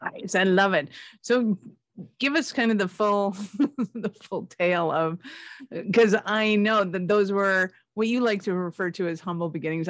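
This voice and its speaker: A woman hosts a chatty interview with an informal, joking delivery. Her pitch is a little low, and the sound is dry with very little room. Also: no echo. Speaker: podcast host. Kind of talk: casual, chatty interview hosting.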